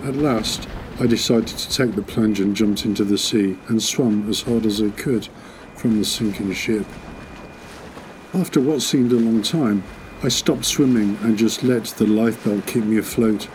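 Low-voiced man recounting a wartime memory. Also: unhurried, darkish tone, slight background noise. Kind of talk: first-person wartime recollection.

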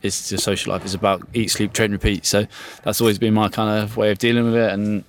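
Young man, low voice, casual rambling chat, jokey, swears. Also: flat delivery, quick pace, slight background noise. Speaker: podcast co-host.

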